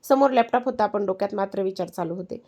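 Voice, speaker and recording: A woman narrating a scripted family story in a calm, even storytelling manner. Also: mid-range voice, fast.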